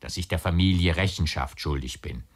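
A man reading an audiobook, voicing a weary young man who speaks quietly and with restraint. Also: low voice, a little fast. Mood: tired.

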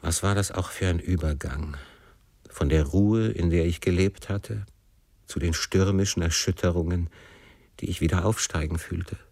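A man narrating a classic novel in the first person, with measured, emotive storytelling. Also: low-pitched, steady tone, darkish tone, no echo. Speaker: audiobook narrator.

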